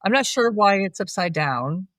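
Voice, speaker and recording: A podcast co-host in casual chat, recapping a film plot with frequent laughs and animated asides. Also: mid-range voice, moderate pace, no echo, clean studio sound.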